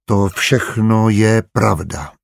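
A proud, stubborn young husband, as a male reader acts him out, holding himself stiffly in check. His husky voice sits near the reader's own. The recording is dry and close. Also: medium pitch, no echo, lightly acted. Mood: restrained. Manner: stiff, restrained. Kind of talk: audiobook character voice.

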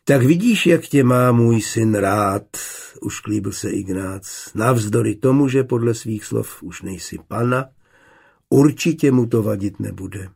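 A man doing a calm, shrewd young glassmaker. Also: lowish voice, creaky, husky. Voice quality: calm, measured.

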